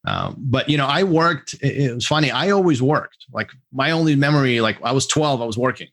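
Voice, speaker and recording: Middle-aged Russia-born guest; halting, self-correcting, with animated spikes; mid-pitched. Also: male voice. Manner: halting, restarts, animated bursts. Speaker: podcast guest, executive coach. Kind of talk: casual interview answers.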